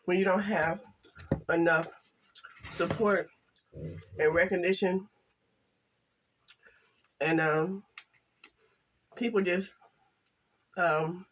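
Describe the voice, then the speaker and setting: Shy, halting older woman vlogger. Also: on the low side, fairly even intonation, a little hiss or hum. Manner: halting, soft-spoken, speaks of camera shyness. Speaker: mukbang vlogger. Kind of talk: casual eating chat to camera.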